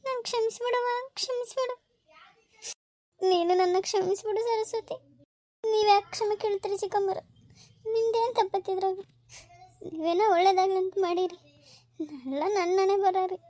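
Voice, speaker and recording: An anxious village mother, North Karnataka accent, very high voice, dry close sound, emotional and scolding. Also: steady tone, moderate pace, long pauses, mellow, dry recording. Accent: North Karnataka Kannada. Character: anxious village mother, middle-aged woman. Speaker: village women in a family drama. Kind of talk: village comedy-drama acting.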